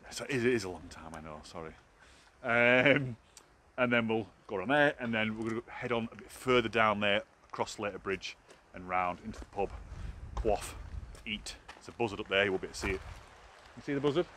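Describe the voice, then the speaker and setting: A middle-aged man, a vlogger and hiking guide, talks in a chatty, casual way for a walking vlog. His voice is fairly low, quick and sharp-toned. He's outdoors on trails and in a cave, and the recording carries outdoor ambience and noise.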